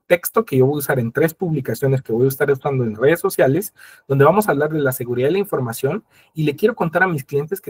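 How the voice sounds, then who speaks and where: Fast-talking husky man teaching a webinar. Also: a little high. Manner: explanatory, addresses the audience directly and acts out quoted dialogue. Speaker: webinar presenter. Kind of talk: instructional webinar talk.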